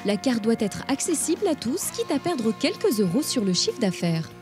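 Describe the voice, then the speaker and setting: A woman reading a scripted narration in a smooth, polished voice-over manner and asking interview questions. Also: on the high side, very animated, normal speed, music in the background.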